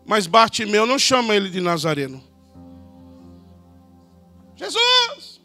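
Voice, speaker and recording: A Brazilian man preaching a sermon as pastor, dramatic, acting out crowd voices and shouting out names. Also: very high-pitched, normal speed, faint music behind. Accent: Brazilian Portuguese.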